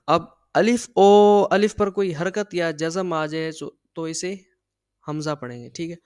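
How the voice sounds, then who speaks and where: A man teaching a Quran reading lesson, patiently explaining and slowly drilling syllables aloud. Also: a little high, clear, resonant tone, no room sound.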